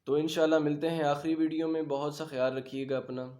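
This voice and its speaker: A man teaching beginners to pronounce letters, explaining patiently and reciting each letter slowly and loudly. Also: on the high side, flat delivery. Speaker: Quran reading teacher.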